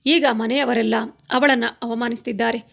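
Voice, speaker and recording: A woman voicing a scheming young sister-in-law in an audio story, speaking in a sweetly sly, mocking way, somewhat high. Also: steady tone, moderate pace, creaky.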